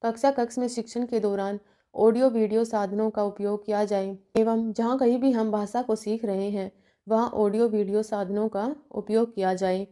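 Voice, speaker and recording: A teacher educator with a medium-pitched, dark-toned voice delivers a teacher-training lecture. She moves through numbered points, gives examples, and checks in with listeners between them.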